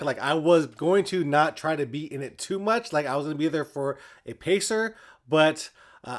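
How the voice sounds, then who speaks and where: A man chatting casually to his viewers as a running vlogger. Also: a little high. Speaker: running vlogger and channel host.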